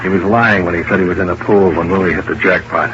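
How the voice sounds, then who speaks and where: Johnny Dollar, a deep-voiced radio detective. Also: male voice, steady tone, quick pace. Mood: grim. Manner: terse, clipped first-person narration. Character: hard-boiled male private investigator. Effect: old-time radio broadcast. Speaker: insurance investigator and narrator. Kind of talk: 1950s radio drama acting. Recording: muffled vintage radio broadcast with hiss.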